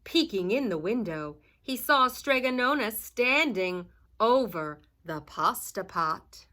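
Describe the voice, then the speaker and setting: Teacher lady reading a kids book, slow and super expressive, pitch goes all over. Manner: dramatic emphasis, asks listeners questions. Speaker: teacher reading aloud to first graders. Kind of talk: expressive children's storybook read-aloud.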